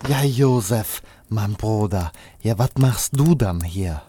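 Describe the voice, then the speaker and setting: A man's voice: lowish voice, lively intonation, takes it slowly, warm tone, a little hiss or hum. A man voicing Santa's sheepish, boastful brother, talking hesitantly in a comic radio play. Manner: hesitant, show-off. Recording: music bed under voice.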